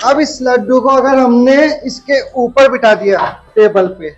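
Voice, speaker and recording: With soft music in the background and dull audio, a woman with a voice on the high side teaches young children a grammar lesson. She calls out to the class slowly, drawing out her words and asking them questions.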